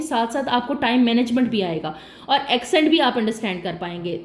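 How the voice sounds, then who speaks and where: A Pakistani test-prep tutor gives exam tips in a casual spoken tutorial, explaining things by posing questions and answering them herself. Her voice is a little high, and the room echoes.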